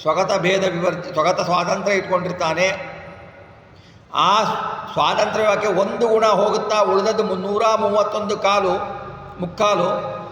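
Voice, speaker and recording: A man's voice: high-pitched, steady tone, a little slow, pauses often, fairly bright tone. Man giving a religious discourse in an echoey hall. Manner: explains with rhetorical questions, chants scripture. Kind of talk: devotional discourse with chanted verses. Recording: echoey hall with faint noise.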